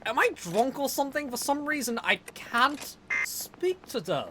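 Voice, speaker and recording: Co-op regular: animated man who rants for laughs, lively pitch, audible background noise. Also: unhurried. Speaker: co-op player. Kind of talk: casual gaming chat.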